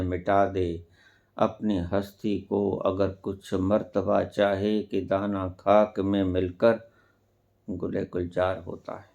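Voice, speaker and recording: A man giving a spiritual discourse as a teacher, speaking deliberately with sudden loud emphatic rises. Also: on the low side, gravelly. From India.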